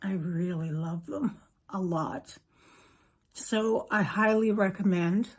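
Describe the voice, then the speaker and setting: A woman's voice: fairly low pitch, slow, darkish tone, breathy edge. A woman with a slight lisp chats casually to camera as she gives a product review, sounding pleased and informal. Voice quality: slight lisp from new veneers.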